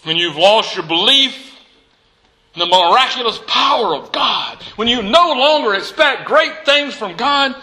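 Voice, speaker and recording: A male pastor delivering an Easter sermon in an unusually high voice. His tone is very bright and sharp, and he works a repeated refrain with emphatic, rising storytelling. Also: expressive, a little slow, poor audio. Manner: storytelling preacher with a repeated call-and-response refrain; emphatic, building from soft to shouting.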